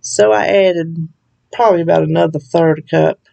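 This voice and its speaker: A woman's voice: sits low, steady tone, normal speed, gravelly, warm tone, muffled recording. A woman hosting a home cooking video, talking through a recipe in a chatty, folksy way with frequent laughs. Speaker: cooking channel host. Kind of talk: casual recipe walkthrough.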